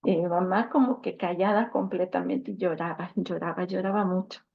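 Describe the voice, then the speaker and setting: A woman recounts a personal story in an earnest, reflective way, often stopping to restart a phrase. Her low-pitched voice has a gravelly fry, and the lo-fi recording sounds dull. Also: steady tone, normal speed. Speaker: motivational speaker sharing her testimony.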